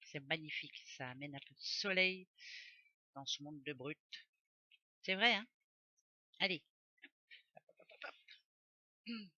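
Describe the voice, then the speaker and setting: A woman's voice: sits low, expressive, measured pace, pauses often, pushed and bright, no room sound, highs cut off. A woman doing a casual oracle card reading for her viewers, chatty and rambling, often correcting herself aloud. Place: home office.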